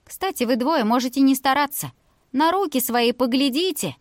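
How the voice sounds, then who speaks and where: A young female mage speaks with calm, dry confidence and a matter-of-fact edge, as a woman reads her. The storybook reading sounds close and dry. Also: high voice, moderate pace, no room sound, pitched above the performer's own voice. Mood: wry.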